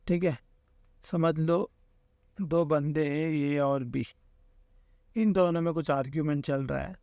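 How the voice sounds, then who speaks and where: A man's voice: a little high, steady tone, slow pace, a little mellow, dry recording, studio quality. A man teaching an exam-prep lesson, walking through answer options and explaining each with everyday examples. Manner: explains with everyday examples, keeps saying "theek hai".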